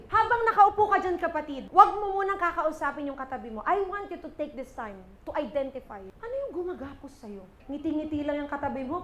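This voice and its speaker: Woman preacher, high voice, passionate swings from hushed to loud, echoing church. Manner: impassioned, switching between soft pleading and loud exhortation. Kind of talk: sermon.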